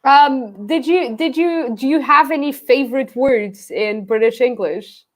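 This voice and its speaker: A woman's voice: sits high, unhurried. A young woman from Portugal, hosting a live Q&A in a chatty way full of "like" fillers. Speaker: host. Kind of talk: live Q&A chat.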